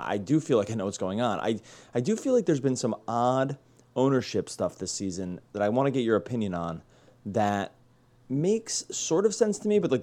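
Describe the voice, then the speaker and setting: A man's voice: on the low side, mellow. A man hosting a sports podcast, chatting casually and rambling with many restarts. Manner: rambling, self-correcting, upbeat. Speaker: podcast host.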